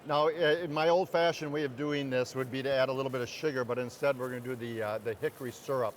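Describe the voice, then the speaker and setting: A man's voice: mid-range voice, steady tone, fast, a little hiss or hum. A man from Wisconsin hosting a cooking show in a big indoor station hall, chatty and eager, often stumbling over repeated words.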